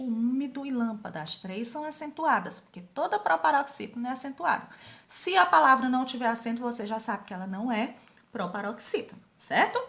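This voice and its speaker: A woman teacher with a Brazilian Portuguese accent, reviewing grammar for sixth graders and stretching out key words as she quizzes them. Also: on the high side. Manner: slow, drawn-out emphasis on key words, quizzing students.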